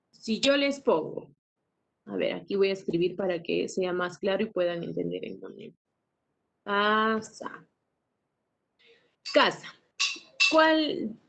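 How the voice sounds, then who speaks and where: A woman teacher lecturing a class, often asking tag questions and clearing her throat. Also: medium pitch, slight background noise. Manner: asks frequent tag questions. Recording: dull lo-fi recording.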